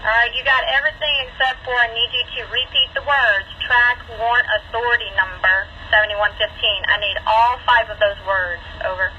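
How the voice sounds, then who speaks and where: A woman's voice: a little high, steady tone, a little fast, hardly any pauses. A woman speaking over a two-way radio as a railroad radio operator, firm and instructive as she spells out procedure. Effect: two-way radio transmission. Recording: muffled radio with faint noise.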